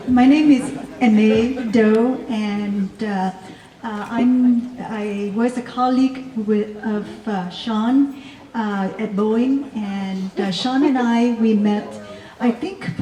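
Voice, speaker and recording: Slow hesitant woman toasting. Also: fairly high pitch, warm tone. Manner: hesitant, many fillers. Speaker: former colleague giving a toast. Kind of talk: informal wedding toast. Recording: echoey room, distant mic, faint noise.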